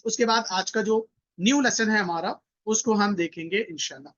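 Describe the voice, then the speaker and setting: Man, Quran teacher, online recitation lesson, high voice, lo-fi call audio. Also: fairly bright tone. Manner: patient, repeats each phrase slowly for pupils to echo; mixes Hindi and English instructions. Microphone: video call.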